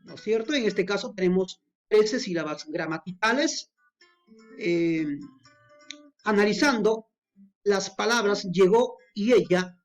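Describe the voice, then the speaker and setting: A woman's voice: medium pitch, a little mellow. A woman teaching a lesson on poetic meter, explaining patiently with frequent fillers and worked examples.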